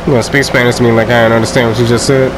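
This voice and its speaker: A young man giving loud, profane, joking let's play commentary and laughing often. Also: medium pitch, flat delivery, rapid-fire, background noise. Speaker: gameplay commentator.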